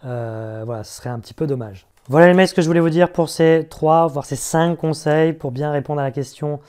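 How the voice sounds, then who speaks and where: Male recruiter, slightly high, mellow voice; chatty, direct coaching tone. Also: a little fast, clear, resonant tone. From France. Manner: chatty and direct, addresses viewers with frequent "ok?". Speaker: recruiter giving job interview advice. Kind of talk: casual advice video.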